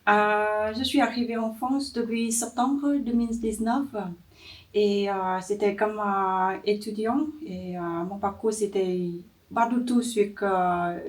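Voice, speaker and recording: A young woman from Vietnam, speaking French with a Vietnamese accent, answers interview questions hesitantly, with many pauses and fillers. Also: medium pitch, a little mellow, recorded from a distance. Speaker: interview guest, entrepreneur.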